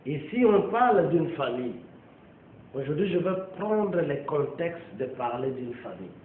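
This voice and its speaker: A man preaching a sermon, slow and emphatic, with long pauses and repeated amens. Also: a little high, sing-song, a little hiss or hum. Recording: echoey, tinny lo-fi phone-like recording.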